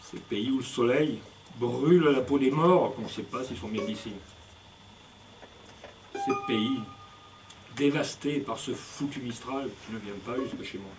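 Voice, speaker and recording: On stage, a man performs punning spoken-word poetry, playful yet declamatory and rhythmic. His mid-range voice is unhurried and pauses often. It's a distant live recording with music and background noise.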